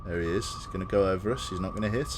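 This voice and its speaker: A man's voice: sits low, very fast, background noise. A man giving gameplay commentary and spoken commands, muttering to himself and swearing. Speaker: gamer commentating on own play.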